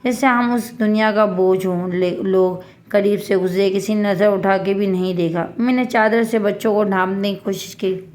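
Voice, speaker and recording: A woman's voice: mid-range voice, steady tone, darkish tone. Woman narrating a sorrowful story. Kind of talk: scripted first-person story narration.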